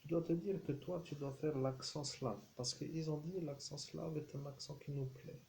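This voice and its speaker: A man's voice: a little high, steady tone, normal speed, vocal fry, mellow, slight background noise, rough recording. A man speaking as a self-styled medium, delivering a rambling channeled message that drifts between full voice, murmurs and whispers. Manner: meandering, slipping into murmurs and whispers.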